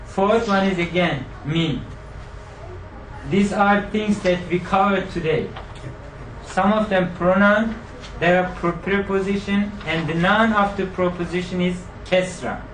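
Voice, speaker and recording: A man with a high-pitched, fairly bright voice teaches grammar at a measured pace, quizzing his class and repeating the students' answers back. A distant mic picks him up in an echoey room with slight background noise.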